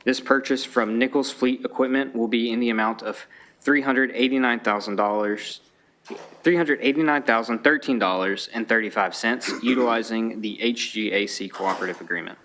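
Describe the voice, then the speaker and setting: A man, the city's finance officer, reads a list of purchases aloud at a council meeting in a steady, businesslike way. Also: medium pitch, normal speed. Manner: steady, businesslike listing of figures. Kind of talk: formal meeting read-out. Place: city council chamber.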